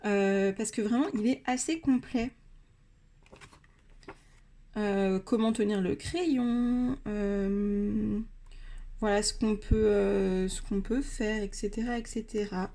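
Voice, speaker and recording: A French woman giving a casual review of colored pencils, pausing often with fillers and restarting her sentences. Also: medium pitch, fairly even intonation, warm tone. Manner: hesitant, many fillers and restarts. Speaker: art supply reviewer.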